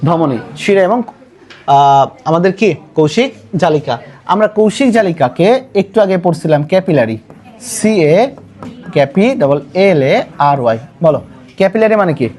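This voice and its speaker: Expressive and at a normal speed, a man with a Bangladeshi Bengali accent leads a call-and-response biology lesson in a notably high voice. He asks the same questions again and again, calls for louder answers, and sprinkles English words into his teaching.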